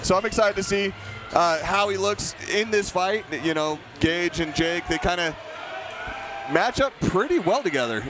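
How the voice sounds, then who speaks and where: A man giving live kickboxing commentary in a conversational, excitable way. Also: high voice, moderate pace, noisy background. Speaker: fight commentator.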